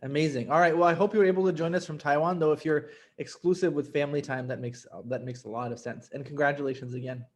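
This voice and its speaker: A man's voice: a little high, fairly even intonation, fast talker, few pauses. Upbeat man hosting a video call. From Lebanon. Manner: upbeat, enthusiastic, playful. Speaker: host. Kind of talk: casual video call chat.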